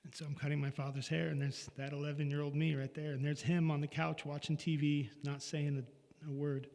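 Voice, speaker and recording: A man's voice: on the high side, level tone, brisk, vocal fry, a little mellow. A middle-aged man telling a candid, confessional personal story in a casual way, with the odd swear word. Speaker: speaker sharing a personal story. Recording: long hall reverb.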